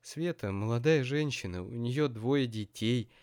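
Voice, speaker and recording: A man's voice: medium pitch, a little slow, a little mellow, clean tone, natural voice. A man voicing an anxious older mother who pleads with and soothes her son in an audiobook.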